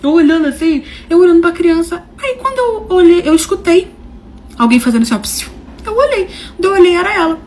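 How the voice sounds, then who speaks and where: Fast-talking animated carioca woman. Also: extremely high pitch, slight background noise. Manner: animated, dramatic, slangy, swings loud and soft. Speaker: storyteller host. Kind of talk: casual storytelling to camera.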